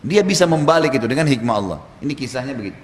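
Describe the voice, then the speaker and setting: An Indonesian-language sermon from a male preacher who tells stories with lively, rising-and-falling pitch. The voice has a medium pitch. The room is full of echo, with a long reverb and faint ambient noise behind him. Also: very fast. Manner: animated storyteller, addresses the congregation. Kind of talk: sermon storytelling. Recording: echoey hall, faint background noise.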